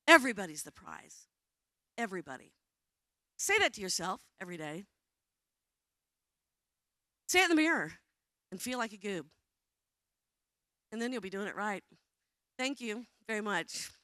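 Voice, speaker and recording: A woman's voice: mid-range voice, sing-song, unhurried, pauses often, sharp tone, no echo, clean studio sound. A woman in her sixties giving a comic, self-mocking motivational talk on a conference stage, coaching the crowd. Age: 60s. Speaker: theater director giving a talk. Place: conference stage before an audience.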